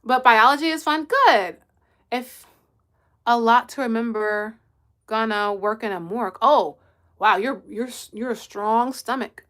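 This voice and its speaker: A woman's voice: a little high, a little slow, a bit bright. A woman hosting a casual live stream, chatting and laughing as she answers viewers' comments. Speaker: livestream host and kids' coach.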